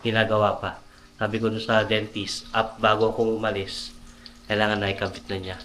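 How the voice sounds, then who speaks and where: A man's voice: lowish voice, flat delivery, a little fast, a bit bright. A Filipino man chatting casually to vlog viewers in an informal way, with a slight lisp from missing front teeth. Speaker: vlogger. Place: home kitchen while cooking.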